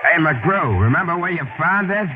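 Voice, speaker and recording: An actor with an American accent playing a combative, needling, slangy ballplayer in an old radio drama. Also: male voice, on the high side, lively intonation, moderate pace, over music, close to an everyday voice. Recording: muffled, noisy old radio broadcast.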